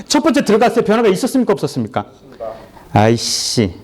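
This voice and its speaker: Animated pastor with a lively voice. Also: male voice, racing, breathy edge. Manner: conversational, asking the congregation questions; acts out characters in low and high voices. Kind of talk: sermon.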